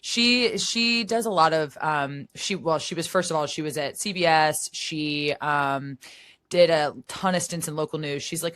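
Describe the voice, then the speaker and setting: A woman in her thirties co-hosting a podcast in casual chat, chatty and quick to laugh. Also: deep voice, fairly bright tone, no echo. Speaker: podcast co-host.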